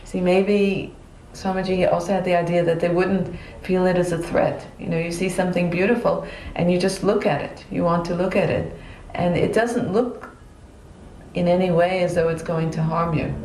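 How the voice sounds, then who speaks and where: Woman with a lowish voice for a documentary interview, calm and reflective, roomy sound. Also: moderate pace, a little hiss or hum.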